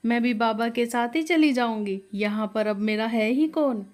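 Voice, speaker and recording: A woman's voice: normal speed, close to an everyday voice. A woman voicing a grieving, orphaned young woman who pleads through tears in a storybook tale. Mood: tearful pleading. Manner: high, crying, pleading.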